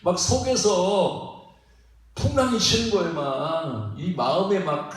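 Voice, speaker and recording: A man's voice: high voice, slow. A man preaching a sermon as pastor in a folksy, repetitive way, chuckling between phrases and often prodding the congregation for a reply. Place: church sanctuary. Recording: very echoey hall, mic at a distance.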